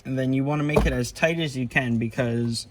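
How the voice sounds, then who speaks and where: A vlogger talks a little fast in a medium-pitched voice as he installs a CB radio in a car in his garage. It's a casual tutorial, narrated while he works with his hands, on slightly noisy home video with handling clicks.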